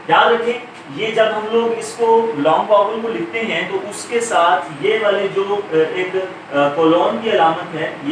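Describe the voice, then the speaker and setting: A man gives an English pronunciation lesson, his voice a touch higher than most. He explains patiently, pausing on fillers and correcting himself as he goes. He sits far from the mic in a very echoey room with a clear hum of background noise. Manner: explains slowly with many fillers and self-corrections. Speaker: English teacher. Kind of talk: recorded pronunciation lecture.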